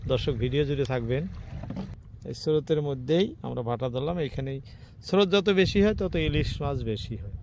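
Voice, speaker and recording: A man's voice: medium pitch, brisk, gravelly, a little mellow. A man, giving casual live commentary to viewers from a small wooden boat on a wide river, pointing things out as they happen. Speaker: fishing vlogger filming from a boat. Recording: faint wind, water and boat noise.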